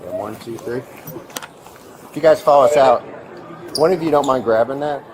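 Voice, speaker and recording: A man's voice: medium pitch, normal speed, crowd noise. A male police officer talking practically on duty, matter-of-fact and placating. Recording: noisy body-camera audio.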